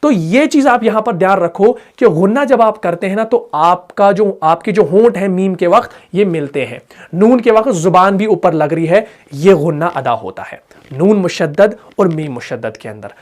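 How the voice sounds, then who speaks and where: A man's voice: sits high, expressive, normal speed. A man teaching Quran recitation, patiently repeating points, checking that students follow and demonstrating sounds aloud. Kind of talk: explanatory lesson.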